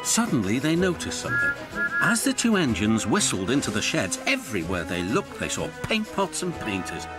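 Brief: male storybook narrator, animated, expressive reading, loud music bed. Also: mid-range voice, moderate pace.

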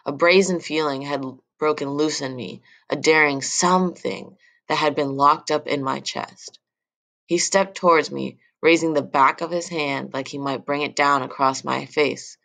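A woman narrating a novel in the first person at an even, measured pace. Her voice is low and deep, with a gravelly fry running through her lines. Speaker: audiobook narrator.

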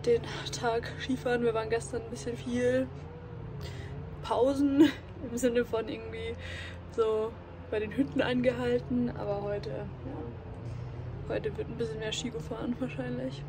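A woman's voice: on the high side, background noise. A young woman in her twenties talking casually into a phone held at arm's length, rambling and amused with herself as she vlogs. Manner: chatty, rambling, self-amused. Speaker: vlogger. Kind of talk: casual vlog chat to camera. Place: airport terminal, then car, then outdoors in snowy mountains.

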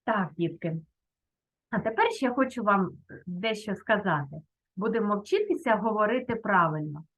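A middle-aged woman teaching children in a video lesson, speaking gently and encouragingly. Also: mid-range voice, animated, normal speed. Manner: gentle and encouraging, uses diminutives. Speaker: primary school teacher.

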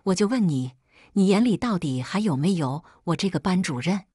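A woman's voice: lowish voice, lively intonation, normal speed, mellow, husky, no echo, clean studio sound. A woman reading a story aloud, voicing a harsh and scornful female homeroom teacher who lectures sharply. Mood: scolding.

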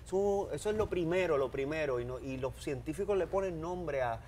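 A man, an interview guest telling an anecdote with lively acted-out dialogue. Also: on the high side, a little fast, slight background noise. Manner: animated storyteller, acts out dialogue.

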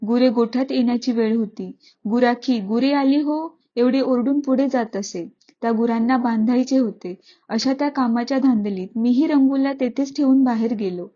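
A woman's voice: on the high side, mellow, highs cut off. A woman reading a story aloud as narrator, in an earnest and reflective way.

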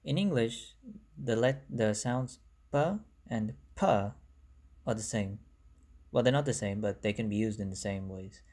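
A young South African-accented man, a native Bangla speaker, narrates a casual language lesson over slides, recorded on a phone. His voice sits on the low side and sounds a little mellow, with a slightly slow pace. He explains things in a chatty way, often correcting himself.

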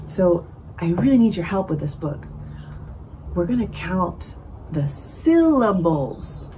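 A woman leading a bilingual children's storytime, switching between English and Spanish and drawing out words slowly to count syllables. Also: lowish voice, big pitch swings, mellow, a little hiss or hum, low-quality recording. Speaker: children's librarian. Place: library.

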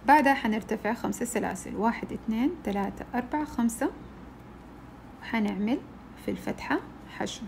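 A woman walks through a crochet pattern and counts each stitch aloud in a patient, even way. Her voice sits a bit high and has a gravelly edge. A faint hiss of noise runs under the recording. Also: brisk, pauses often. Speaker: crochet teacher. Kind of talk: step-by-step tutorial.

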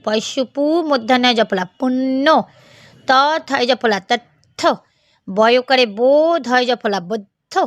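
Lady teacher, high voice, sounds out each letter slow n careful, dry recording. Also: no room sound. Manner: slow, deliberate sounding out of syllables. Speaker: reading teacher. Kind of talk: spelling-out reading lesson.

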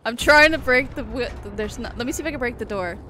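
A woman's voice: fairly high pitch, quick pace, bright, forceful tone, a little hiss or hum. A woman hosting a gaming channel, giving laughing, exclamatory commentary as she plays an online shooter with friends. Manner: giggly, exclamatory, amused. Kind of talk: laughing live gameplay commentary.

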